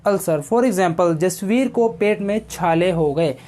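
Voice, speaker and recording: A woman teaching English vocabulary, explaining each word patiently and reading example sentences slowly and deliberately. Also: lowish voice, lively intonation, dark tone. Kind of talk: slow instructional vocabulary lesson.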